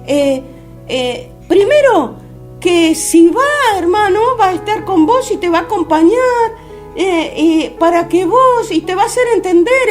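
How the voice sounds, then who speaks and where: A very high-pitched woman in her fifties with an Argentine accent testifies fervently on a religious radio program, halting and hesitant, often turning to her listeners as brothers. Soft music plays faintly behind her. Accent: Argentine Spanish. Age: 50s.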